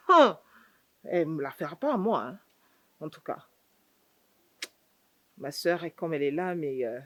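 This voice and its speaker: A woman's voice: extremely high pitch, no echo, heavily acted. A young woman playing a sassy, scheming younger aunt in a sitcom, needling everyone with rhetorical questions and repeated "hein". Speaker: sitcom actress. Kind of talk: comedic sitcom acting.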